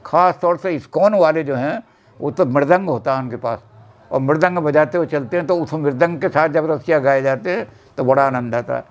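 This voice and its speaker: An older man who sings slow folk verses and then explains them in quick talk, as the guest on a chat show. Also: a little high. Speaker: guest folk music expert. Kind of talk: explaining and singing folk songs.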